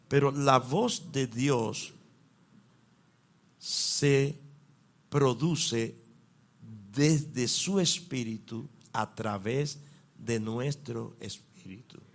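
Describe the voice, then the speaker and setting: Male pastor, fairly high voice, preaching a sermon with rising emphasis. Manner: preaching with questions to the congregation, loud swings in emphasis.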